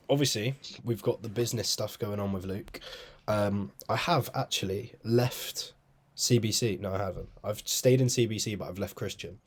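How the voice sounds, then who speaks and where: A man's voice: on the low side, a little mellow. A young man co-hosting a podcast, chatting casually and telling stories with plenty of laughs. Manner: laid-back, laughing storyteller. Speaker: podcast co-host. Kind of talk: casual chat.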